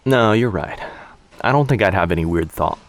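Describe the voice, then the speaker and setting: Acting out a boyfriend ASMR scene, a man becomes a shy young stranger who is sweetly awkward and overthinks a crush from the coffee shop. His low-pitched, animated voice moves at a moderate pace, soft and intimate, as he rambles hesitantly with trailing phrases in a nervous, musing mood.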